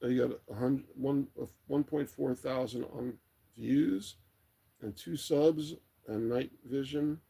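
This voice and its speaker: A middle-aged man hosts a casual late-night livestream, reading viewer comments aloud and rambling along at his ease. His medium-pitched voice is heavily creaky, raspy, and gravelly, with a worn, tired rasp. Throughout, his tone stays mellow, dark, relaxed, and unhurried.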